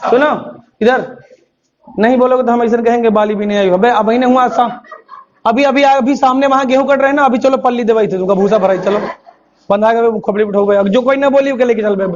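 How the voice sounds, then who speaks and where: High-voiced teacher scolding his class. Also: fairly quick. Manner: drilling and coaxing, scolds the class to repeat aloud. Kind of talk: live classroom lecture. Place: classroom with students. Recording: muffled classroom recording with steady noise.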